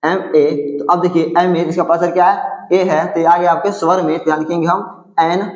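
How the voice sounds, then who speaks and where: A man's voice: high voice, flat delivery, brisk, echoey room, highs cut off. A male teacher explaining a grammar point step by step, repeating himself and checking in with his students. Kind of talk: whiteboard grammar lesson.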